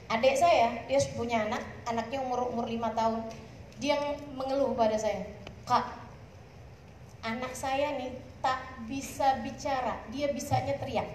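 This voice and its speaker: High-voiced woman preaching in an echoey hall. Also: measured pace, recorded from a distance. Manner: lively, shifts between soft and raised voice. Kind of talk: religious talk to women. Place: community hall. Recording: echoey hall, faint noise.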